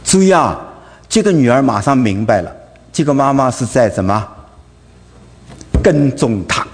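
In a hall with long reverb, a male preacher with a Wu accent speaks in a mid-range, expressive voice at a moderate pace. His sermon is full of rhetorical questions tagged "right?" and stammered, repeated fillers.

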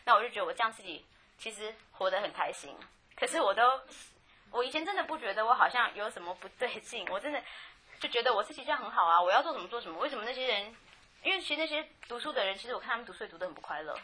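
A woman's voice: on the high side, lively intonation, racing, bright, forceful tone, breathy edge. A woman with a Taiwanese Mandarin accent telling her life story in a frank, chatty way, with many restarts. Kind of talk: personal testimony, casual storytelling.

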